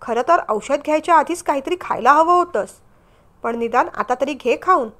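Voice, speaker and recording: In a storybook reading, a woman narrator voices a young divorced man who is caring but stern, speaking firmly with concern beneath his scolding. The voice sits high and is expressive, fairly bright, and moderately paced.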